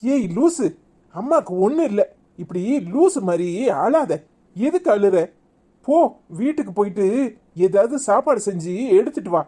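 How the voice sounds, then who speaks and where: A woman voicing a calm, practical grown son in a cartoon serial, with a Tirunelveli accent and a plain, bossy manner. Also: medium pitch, normal speed, slightly rough. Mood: firm. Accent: Tirunelveli Tamil.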